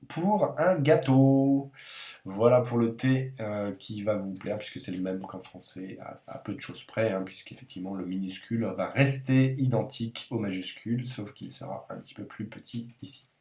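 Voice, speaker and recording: Male language teacher, lower pitch, calm and reassuring, spelling out each letter. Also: roomy sound. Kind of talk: video lesson on the Russian alphabet.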